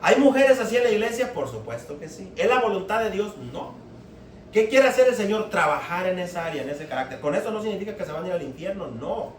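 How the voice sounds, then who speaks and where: High-voiced preacher in an echoey church. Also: male voice, animated, a little fast. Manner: preachy, rhetorical questions to the congregation. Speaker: pastor. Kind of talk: sermon. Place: church hall. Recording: echoey room, mic far off, faint noise.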